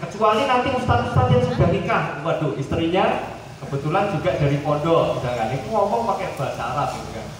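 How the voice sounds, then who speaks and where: Male seminar speaker, Javanese accent, slightly high voice, playful and animated, miked from afar in a reverberant hall. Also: quick pace, a little hiss or hum. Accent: Javanese-tinged Indonesian. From Central Java, Indonesia. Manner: joking, animated, drops into playful mock dialogues. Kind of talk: lively seminar talk. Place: large hall at a boarding school. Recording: echoey hall recorded from far off.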